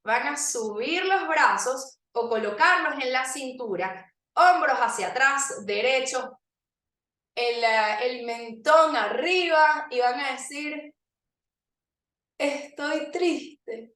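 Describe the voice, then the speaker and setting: A woman's voice: high voice, slow pace, fairly bright tone. A woman presenting a motivational workshop, speaking straight to her audience and leading them through exercises with frequent check-ins. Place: room with a live audience. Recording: echoey room, voice from a distance.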